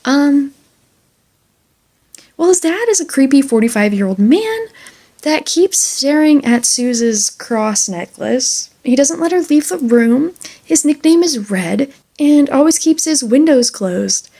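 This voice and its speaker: A woman's voice: sits high, expressive, slow pace, mellow. A woman talking through a book in a casual review vlog, chatty and enthusiastic with lots of fillers.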